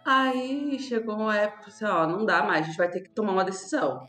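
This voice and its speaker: A young woman from São Paulo with a São Paulo accent tells a personal story in an animated, emotional way, trailing off with fillers. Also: medium pitch, quick pace. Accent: São Paulo Portuguese. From São Paulo, Brazil. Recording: roomy echo, faint background music.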